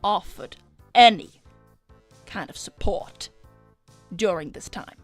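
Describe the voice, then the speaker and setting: Casting: woman as glamorous cartoon hedgehog lady, flirty and theatrical, mid-pitched, close dry recording. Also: expressive, slow, dry recording, soft background music. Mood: flattering, coy. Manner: gushing, theatrical, formal phrasing. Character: Breezie, flirtatious, smooth-talking glamorous female cartoon hedgehog. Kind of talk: improvised in-character livestream role-play.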